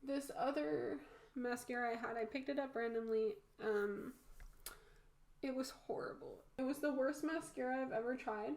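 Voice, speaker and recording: Female makeup vlogger, stuffy-nosed and creaky, informal and candid, recorded in a roomy space. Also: high voice, fairly even intonation, moderate pace, a little mellow. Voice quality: congested, blocked-nose sound. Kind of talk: casual chatty makeup tutorial. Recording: roomy echo.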